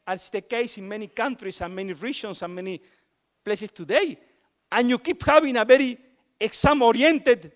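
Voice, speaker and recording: High-voiced man talking emphatically. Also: a bit bright. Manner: emphatic, repeats words for stress. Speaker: education policy speaker. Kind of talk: panel talk on inclusive curricula.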